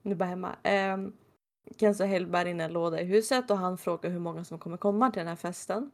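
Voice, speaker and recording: A woman recounts a TV episode in easy, casual conversation. She slips into the characters' lines with animated little voices, then drops back to her ordinary speaking voice. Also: lowish voice, gravelly. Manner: animated retelling, acting out quotes. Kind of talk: casual chat retelling a TV episode.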